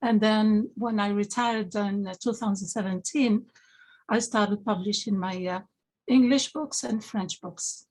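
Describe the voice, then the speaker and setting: Older woman, author panelist, halting delivery, middle pitch. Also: darkish tone, rough recording. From Algeria. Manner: halting, with frequent fillers. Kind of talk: panel self-introduction.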